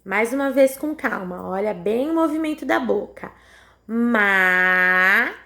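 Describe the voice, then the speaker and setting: A woman's voice: fairly high pitch, lively intonation, moderate pace. A woman with a Brazilian Portuguese accent teaching a recorded lesson to young children, patiently sounding out words syllable by syllable and often checking in with the class. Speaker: primary school teacher.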